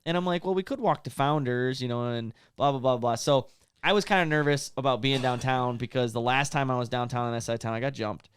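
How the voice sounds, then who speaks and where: A man, co-hosting a podcast and telling a long story in a casual, animated way. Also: mid-range voice, a little hiss or hum. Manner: animated storyteller, quick bursts and drawn-out asides. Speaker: podcast co-host.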